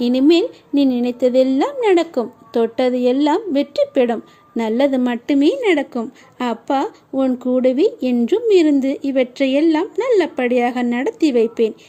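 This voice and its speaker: Female reader for a scripted devotional message: high and mellow, steady and earnest, spoken to the listener.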